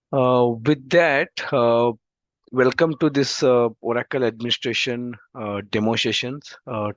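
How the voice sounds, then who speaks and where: This database course instructor, a man with an Indian English accent, is giving an online demo lecture through his computer mic on a video call. A throat infection muddies his mid-range voice, so he talks slowly and haltingly, filling gaps with lots of "uh." The recording is dull and dry.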